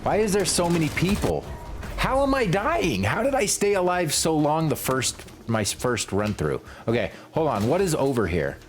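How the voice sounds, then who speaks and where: A man's voice: fairly high pitch, big pitch swings, normal speed. A man streaming a shooter game, talking through it in exasperated, grumbling asides. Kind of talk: gameplay commentary. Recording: loud game music and gunfire behind.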